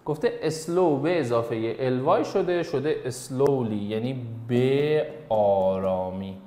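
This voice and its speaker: A male teacher works through a lesson, coaxing and quizzing students by name as he goes. His voice sits at an ordinary middle pitch. The sound carries a roomy echo. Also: warm tone, slight background noise. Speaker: English teacher. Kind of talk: classroom English lesson in Persian.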